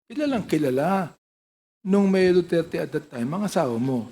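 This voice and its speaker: A man with a fairly high voice questions a witness at a formal hearing. He presses his points and probes for answers. It sounds like a hearing room. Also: lively intonation, moderate pace, warm tone.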